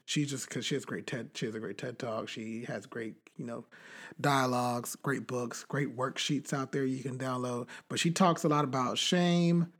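A young adult man co-hosting a podcast, talking in a rambling, animated way with many fillers and restarts. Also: mid-range voice, husky. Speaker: podcast co-host. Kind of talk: casual chat.

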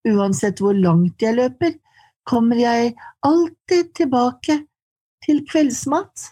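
Dark-voiced woman reading poetry slowly. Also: fairly high pitch, slightly rough. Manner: slow, measured recitation. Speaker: poet and guest. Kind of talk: poetry reading, then interview answers.

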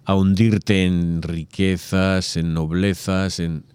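A man's voice: low-pitched, takes it slowly, smooth, no echo. A man in a casual religious conversation, talking animatedly and acting out quoted voices. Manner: animated, acts out quoted voices, many asides.

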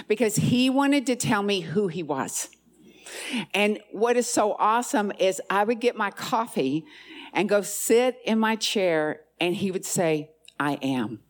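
A woman's voice: medium pitch, expressive, unhurried. A woman giving an emphatic, rallying charismatic talk at a women's church conference. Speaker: women's ministry speaker.

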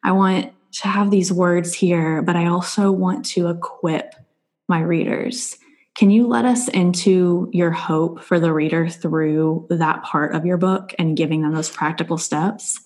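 A woman's voice: fairly low pitch, steady tone, a little slow, darkish tone. A woman hosting a faith-based podcast interview, talking in an earnest, reflective way. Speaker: podcast host.

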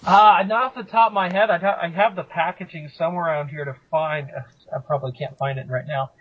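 A man's voice: a little high, steady tone, fairly quick, slightly rough. A man chatting casually as a collector on a podcast panel. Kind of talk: casual chat. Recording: dull lo-fi podcast audio.

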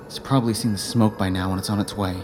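A man's voice: on the low side, fairly even intonation, fast talker, natural voice. A man voicing a proud, sulky young male adventurer with a plaintive, pleading tone. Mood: evasive. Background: music.

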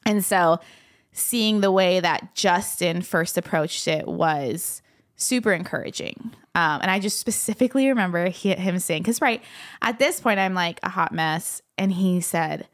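A young woman with a slightly low-pitched voice talks as a podcast guest. Her delivery is casual and chatty, and she often fills her speech with "like." She tells her own story in an everyday conversational tone. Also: measured pace.

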